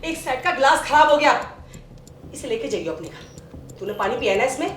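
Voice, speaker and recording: A woman's voice: high voice, very animated, moderate pace, a bit bright. An actress playing a proud, casteist mother-in-law who scolds her daughter-in-law and her maid with contempt. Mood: scolding. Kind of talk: short film acting. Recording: echoey room with music.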